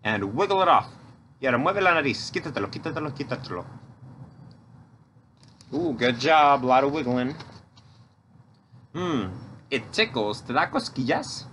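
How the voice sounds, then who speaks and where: Man, children's storytime host, bright tone, unhurried. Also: mid-range voice, big pitch swings, slight background noise. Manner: switches between English and Spanish, playful and coaxing. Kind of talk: bilingual interactive storytime.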